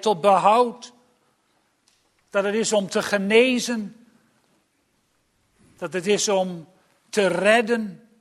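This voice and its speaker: In a sermon full of grave, emphatic warnings, a man with a voice high for his sex speaks slowly. He stretches his words out and leans on them for emphasis.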